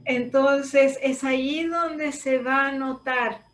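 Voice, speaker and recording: A woman speaks in a high, light voice, setting out her ideas slowly and thoughtfully as a voice teacher. She sits away from the microphone in a roomy, echoing space, with faint ambience behind her. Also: fairly even intonation, fairly bright tone, far from the mic. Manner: explanatory, thoughtful, with pauses. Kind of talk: reflective conversation.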